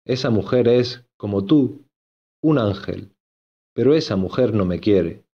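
A man playing an earnest, lovesick young gentleman in a storybook, insistent and given to repeating himself. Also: lowish voice, lively intonation, unhurried, slightly rough, dull audio, full character voice.

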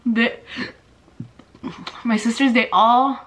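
A woman's voice: on the high side, steady tone, takes it slowly, fairly bright tone. A woman in her twenties chatting casually through a get-ready-with-me makeup routine, full of "like" and "dude", a little out of breath. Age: 20s. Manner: chatty, filler-heavy with "like" and "dude". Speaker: family vlogger.

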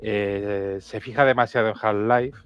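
A man's voice: fairly low pitch, fairly even intonation, measured pace, clean tone. A man co-hosting a casual gaming podcast over a lo-fi headset mic on a remote call, rambling as he searches aloud for names. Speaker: podcast co-host. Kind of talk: casual chat about video games.

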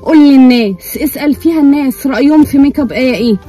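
A young Egyptian woman speaks quickly in a mellow, slightly high voice. She plays at being offended, insisting and coaxing by turns, from inside a car. Faint music plays underneath. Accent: Egyptian Arabic. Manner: playful, mock-offended. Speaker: vlogger, wife. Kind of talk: prank vlog banter.

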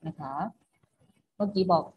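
A woman teacher giving an online class, patiently repeating each instruction. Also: unhurried. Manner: patient, repeats herself with a polite particle at each phrase end. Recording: muffled recording with faint noise.

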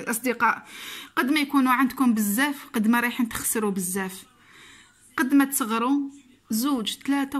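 A woman's voice: a little high, a bit bright. A woman with an Algerian Arabic accent chatting casually to camera in a vlog, repeating phrases for emphasis. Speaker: vlogger.

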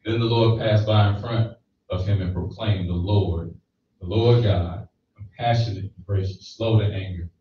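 A preacher in his thirties delivers a sermon in a small church hall, speaking into a handheld mic at normal speed in a low, steady voice. His conversational style leans on frequent "right?" checks, and the room recording is echoey, distant and slightly dull, with slight background noise.

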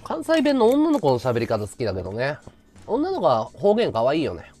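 A man's voice: a little high, huge pitch swings, normal speed, darkish tone, soft background music. A man hosting a casual livestream chat, talking freely and thanking viewers for gifts. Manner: chatty, reacts to viewer gifts. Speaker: livestream host.

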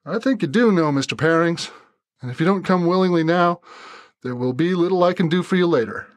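A man voicing a slight young man with a soft Texan accent who speaks calmly and politely. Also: fairly high pitch, dry recording, pitched above the performer's own voice, lightly acted. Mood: firm. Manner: calm, polite, measured.

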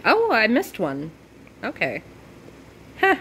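A woman's voice: fairly high pitch, wildly swooping pitch, slow pace, a bit bright, slight background noise. A woman hosting a casual gameplay video, gushing and bubbly, with lots of "like" as she talks. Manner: bubbly, gushing, heavy use of "like". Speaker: gaming video host.

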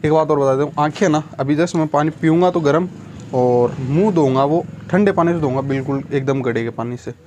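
A man's voice: on the high side, a little fast, darkish tone, slight background noise. Chatty young man vlogging on a phone. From Rajasthan, India. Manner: chatty and rambling, addresses viewers as guys. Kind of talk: casual vlog chat. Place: home courtyard, then a clothing shop. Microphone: phone camera, no earphone mic.

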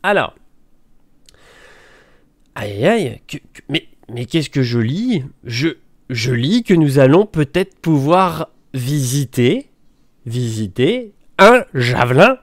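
A man casually talking through gaming news on his video channel, excitable and colloquial, recording at his countryside home. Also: mid-range voice, takes it slowly, no room sound, studio quality. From France. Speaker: gaming YouTuber.

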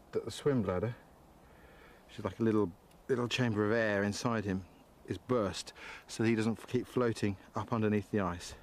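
Standing in a snowy forest, this wilderness presenter, a middle-aged man with an English accent, explains outdoor skills in a lowish voice. His documentary-style delivery is calm, friendly and measured, with a clear love of nature, recorded on a clip-on mic over faint background noise.

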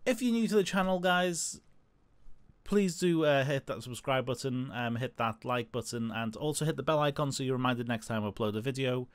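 A man's voice: medium pitch, normal speed, clear, resonant tone, no room sound. Hesitant man hosting game commentary. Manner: hesitant, many fillers, thinking out loud. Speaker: gaming channel host. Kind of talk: casual gameplay commentary.

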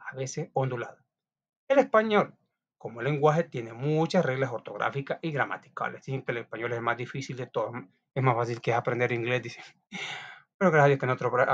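A man's voice: medium pitch, fairly bright tone. A man teaching a class, reading out notes in a chatty way with frequent restarts and small asides. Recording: dull lo-fi recording.

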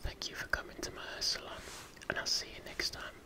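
A man in his thirties doing a whispered role-play as a friendly barber, in a fast, aggressive ASMR manner with repeated trigger words, close to the microphone. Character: brisk, friendly barber attending a client. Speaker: ASMR performer playing a hairdresser. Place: small home gym in a shed, indoors. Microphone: fluffy-covered microphone close in front of him.

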